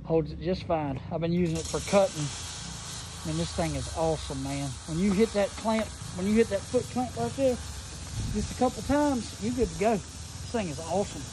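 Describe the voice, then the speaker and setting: High-voiced man reviewing a tool. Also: moderate pace, noisy background. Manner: enthusiastic, folksy, rambling explanations. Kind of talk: casual phone-filmed tool review. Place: outdoors in a gravel yard, then a garage. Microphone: phone camera held in hand.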